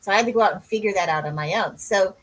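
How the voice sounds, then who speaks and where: Speaking rapid-fire in a mid-range voice, this Canadian coach in her sixties co-hosts a podcast, letting the casual chat ramble and drift into tangents. The recording is of poor quality.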